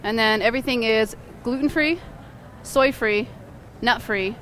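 A woman's voice: fairly high pitch, a little slow, a bit bright. A woman who owns a restaurant, explaining her dishes in an upbeat, chatty way and laughing easily. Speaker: restaurant owner. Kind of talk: casual food explanation on a show segment.

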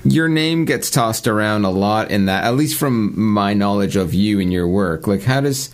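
A man's voice: on the low side, normal speed. A man hosting a casual interview, asking questions with stammering restarts and casual swearing. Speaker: podcast host.

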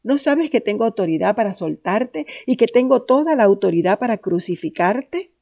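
A woman's voice: medium pitch, lively intonation, moderate pace, creaky, dark tone, lo-fi sound, pitched above the performer's own voice. A woman voicing a stern male Roman governor who questions firmly, read aloud from scripture. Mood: questioning.

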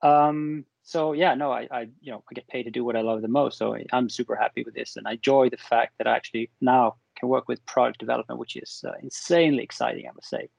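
A man's voice: medium pitch, steady tone, quick pace, gravelly, few pauses, darkish tone, no echo. A man from Sweden chatting casually as a panel guest, jokey and self-deprecating. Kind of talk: casual podcast chat. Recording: dull lo-fi remote audio.

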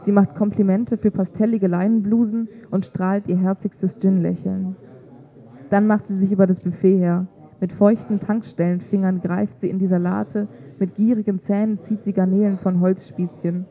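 A woman reading a literary story aloud in a calm, measured way. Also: mid-range voice. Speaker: narrator. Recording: tinny phone-like sound.

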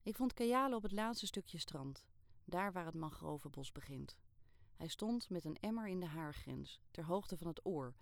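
A woman reading a first-person story aloud in a calm, steady way, with lively bursts in the dialogue. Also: fairly low pitch, normal speed, gravelly, no room sound, clean studio sound. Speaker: narrator.

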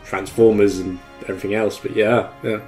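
Lower-voiced man in a casual panel chat. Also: level tone, fairly quick, a little mellow, faint music behind. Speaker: review show panellist.

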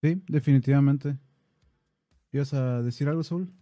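A man's voice: medium pitch, moderate pace, mellow, no room sound, soft background music. A man from Baja California with a northern Mexican accent, chatting casually as a podcast co-host. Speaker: podcast co-host, software developer. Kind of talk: casual conversational chat.

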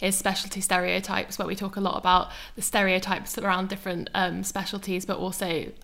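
Young woman, creaky voice, medium pitch, podcast host, casual discussion. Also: level tone, brisk, fairly bright tone.

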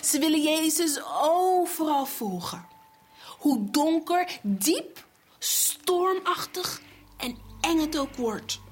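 A woman telling a Bible story to children, animated, asking them questions, voicing sound effects and dropping into whispers. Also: high voice, slow, a little hiss or hum.

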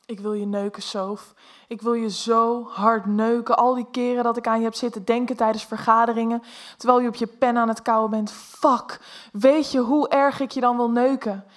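A woman voicing a male office manager in an erotic story, in a soft, low-key way. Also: normal speed, hardly any pauses, close to an everyday voice. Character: male office manager, adult, eager lover.

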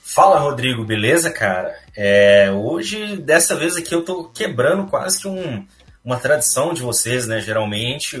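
Male podcast guest, Brazilian Portuguese accent, slightly low register, relaxed chat style, faint music. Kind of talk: casual chat.

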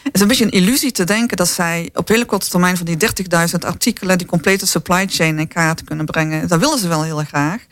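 A man from the southern Netherlands speaking in a panel discussion, lively and full of fillers and rhetorical tags. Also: high-pitched, fast talker, dry recording. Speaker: company representative.

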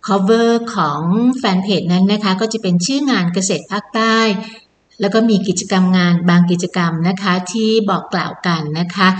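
Woman, promotional announcement, presenter, polite inviting delivery, mid-pitched, echoey room. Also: normal speed, slight background noise. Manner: polite, inviting, repeats key details for listeners. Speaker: presenter announcing a public event. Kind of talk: promotional announcement, semi-scripted.

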